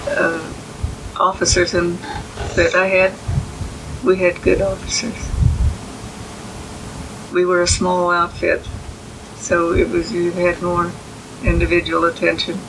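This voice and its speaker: Elderly American woman, old veteran remembering, gravelly voice, even pitch, halting recollection, hissy recording. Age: 80s or older. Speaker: army veteran being interviewed. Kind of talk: oral history interview.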